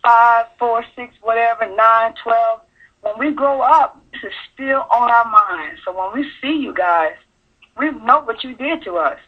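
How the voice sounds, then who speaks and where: A woman calling in to a radio show, telling her personal story in a halting, earnest way. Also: fairly high pitch, husky. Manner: halting, earnest, full of fillers. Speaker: caller sharing her story. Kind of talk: personal testimony on call-in radio. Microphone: telephone. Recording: tinny phone line.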